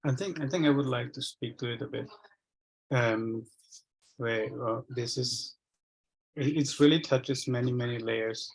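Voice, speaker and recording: A Sri Lankan man whose first language is Tamil talks about his experience of energy work, halting and reflective, restarting often. His voice is mid-range, and the recording is rough.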